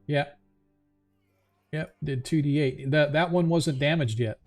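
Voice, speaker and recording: A man's voice: fairly high pitch, a little slow, darkish tone, soft background music. A man casually running an online tabletop roleplaying game as its game master.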